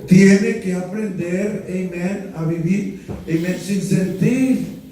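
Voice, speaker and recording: A man's voice: high voice, slow, mellow, a little hiss or hum. Middle-aged man preaching in an echoing church. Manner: preaching fervently, switching between Spanish and English, with frequent amens. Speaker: pastor. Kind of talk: sermon. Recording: echoey church hall, distant mic.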